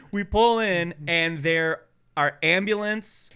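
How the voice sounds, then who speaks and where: A man co-hosting a podcast, telling a rambling story in a casual, animated way with a lot of swearing. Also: sits high, slow, clean tone. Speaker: podcast co-host.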